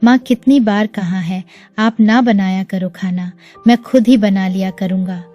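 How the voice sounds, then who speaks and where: A woman storyteller voicing a dutiful young man who speaks gently and patiently to his family. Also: mid-range voice, measured pace, lightly acted. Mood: gentle. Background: faint music.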